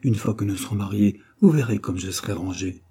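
A young working man who coaxes and pleads with the woman he wants to marry, as a male narrator plays him. His voice is low, dark and husky. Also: fairly quick, exaggerated voice. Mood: coaxing.

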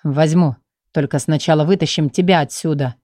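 A composed werewolf hero answers threats in a steady, lowered voice without any heat, as a woman puts him on. He is cool and sure of himself. The voice stays low and level, close and dry. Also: moderate pace, no room sound. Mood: calm. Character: calm, strong werewolf husband, young man.

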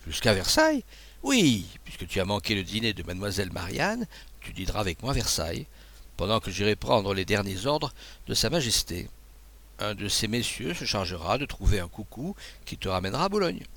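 A self-assured naval officer who talks briskly and teases his friend, as a male reader plays him, in a gravelly, lively voice. A storybook gentleman, sure of himself. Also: lowish voice, heavily acted. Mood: teasing. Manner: confident, brisk, teasing.

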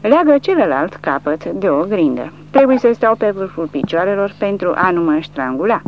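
A woman with a rather low voice reads a war novel aloud as an audiobook, very animated and full of dramatic emphasis. It's scripted narration, captured in a dull lo-fi recording with a faint hum.

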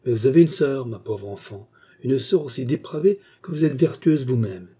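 A man's voice: mid-range voice, lively intonation, normal speed, dark tone, slightly rough, voice pushed up. A man voicing a scheming baronet villain who poses as a kind benefactor, talking in an earnest, persuasive way in a French audiobook novel.

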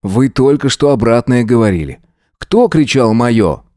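A man's voice: medium pitch, expressive, unhurried, warm tone, dry recording, lightly acted. A man playing a stern, dry police lieutenant. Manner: curt and dry.

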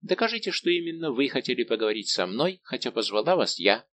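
A man's voice: mid-range voice, sing-song, fast talker, fairly bright tone. A man reading an audiobook, voicing a proud, jealous young royal princess with an imperious manner. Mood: haughty. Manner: imperious, then pleading.

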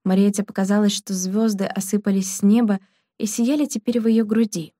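Female audiobook narrator, calm even reading, mellow dry sound. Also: mid-range voice, brisk, no echo. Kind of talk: scripted narration.

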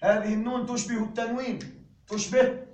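High-voiced man teaching in an echoey classroom. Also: level tone, darkish tone. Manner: slow emphatic dictation of examples, checking understanding. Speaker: Arabic grammar teacher. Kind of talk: classroom lecture. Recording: echoey room recorded from a distance.

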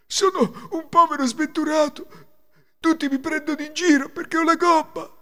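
Un uomo che fa un giovane contadino implorante, voce altissima. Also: male voice, extremely high pitch, steady tone, normal speed, a bit bright, voice pushed up. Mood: pleading. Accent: Italian. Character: frightened young hunchbacked peasant man, pleading.

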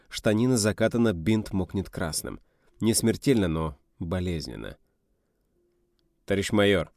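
A man narrating an audiobook in a steady, even storytelling manner. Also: low-pitched, no echo, studio quality.

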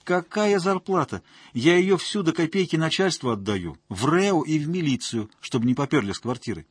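A man's voice: on the high side, very animated, normal speed, breathy edge, dry recording, clean studio sound, voice pushed up. A man voicing a drunk, whining woman janitor who fawns and pleads. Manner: wheedling, whiny, ingratiating.

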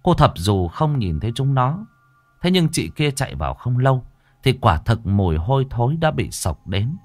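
A man narrating a ghost story in a measured, dramatic manner. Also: medium pitch, sing-song, dry recording.

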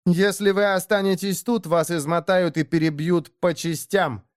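A ruthless dark elf noblewoman, played by a male narrator speaks in a raised, hoarse voice full of cold disdain. The delivery is clipped and dismissive, and the recording is dry and close. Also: a little high, moderate pace, no room sound, pitched above the performer's own voice, close to an everyday voice. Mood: threatening. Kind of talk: audiobook character voice.

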